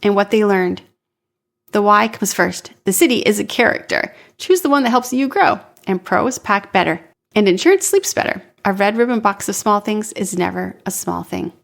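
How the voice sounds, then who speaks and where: A woman narrating a scripted story for a moving-company ad, calm and gentle with unhurried phrasing. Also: mid-range voice, gravelly.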